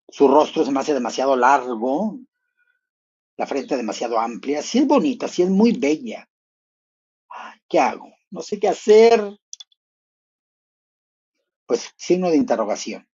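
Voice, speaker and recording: A man chats through a live reaction stream, his voice a little husky and breathy. He sounds gossipy and playful, musing aloud and jumping up into bursts of excitement. The audio is slightly dull and lo-fi. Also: unhurried, long pauses. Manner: gossipy, playful, thinking aloud with sudden high exclamations.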